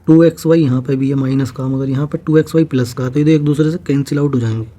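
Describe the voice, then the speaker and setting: A man's voice: medium pitch, fairly even intonation, fast, warm tone. A man explaining exam math problems step by step, patiently checking in with his students as he goes. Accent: Hindi-speaking North Indian. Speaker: math teacher. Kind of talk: exam-prep math lesson.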